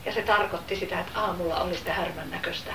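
A woman preacher giving an emphatic sermon, swinging between loud exclamations and hushed asides. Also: lowish voice, fairly even intonation. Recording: roomy hall, voice from far off, faint noise.

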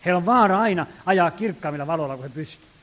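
A male preacher with a somewhat high voice delivers a sermon. He lingers over scripture lines with slow emphasis, swells louder on exhortations, and slips into homely stories told in a chatty way. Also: animated. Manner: folksy storytelling asides.

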